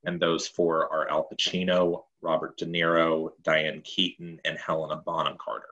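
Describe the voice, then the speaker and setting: A man's voice: extremely low pitch, little pitch movement, moderate pace, bright, forceful tone, dull audio. A man co-hosting a casual podcast chat, explaining a movie-trivia game in a chatty way. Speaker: podcast co-host.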